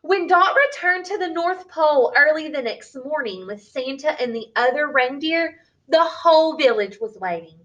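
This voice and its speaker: A woman reads a picture book aloud to young children, taking on a storyteller's expressive, deliberate style. Her voice is high-pitched, and the recording sounds muffled.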